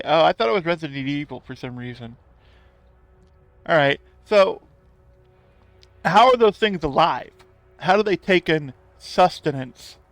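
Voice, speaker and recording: A man's voice: medium pitch, smooth, no echo. A man live-streaming a game, chatting casually to his viewers, rambling and laughing often. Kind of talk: casual live-stream chat while gaming.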